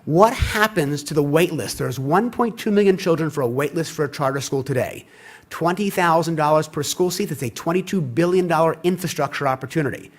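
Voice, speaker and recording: A middle-aged man giving a conference keynote, telling stories and acting out quoted dialogue in an animated way. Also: on the high side, fairly quick. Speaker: keynote speaker. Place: conference hall.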